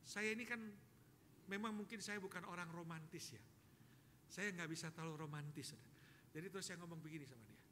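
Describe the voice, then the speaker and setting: High, bright-voiced middle-aged male pastor. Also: fairly quick, long pauses, slight background noise. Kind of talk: sermon. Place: church sanctuary. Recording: live church hall with long reverb.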